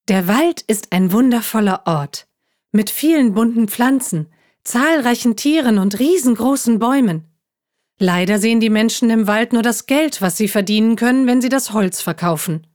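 A woman's voice: fairly high pitch, animated, normal speed, a little mellow, voice pushed up, lightly acted. Woman doing a cheeky little hedgehog. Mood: proud explaining. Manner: proud, a bit cheeky. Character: proud, cheeky young male hedgehog.

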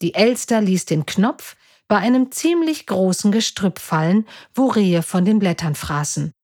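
Woman, story reading, steady careful delivery, middling pitch, dry close sound. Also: unhurried, no room sound. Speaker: story reader.

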